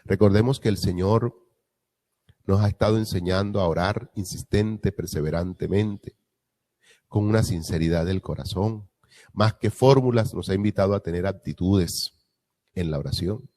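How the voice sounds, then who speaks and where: A man's voice: low-pitched, moderate pace, warm tone. A man preaching a reflective meditation on a gospel reading, asking rhetorical questions and repeating key phrases.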